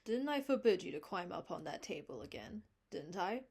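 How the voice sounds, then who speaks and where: A woman's voice: fairly low pitch, sing-song, normal speed, gravelly, husky, exaggerated voice. A woman reading aloud, voicing a strict older woman who scolds firmly. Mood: scolding. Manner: stern, scolding, firm.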